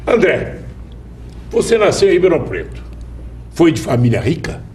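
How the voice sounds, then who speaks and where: A man hosting a formal local TV interview, introducing his guest in a measured, announcer-like way. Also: a little high, very animated, a little mellow, recorded from a distance, a little hiss or hum. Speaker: interview host.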